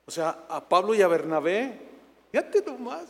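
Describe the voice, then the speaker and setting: High-voiced animated preacher, reverberant church. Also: male voice, moderate pace. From Mexico. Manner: animated, acts out biblical scenes in quoted voices. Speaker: pastor. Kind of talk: sermon. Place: church sanctuary.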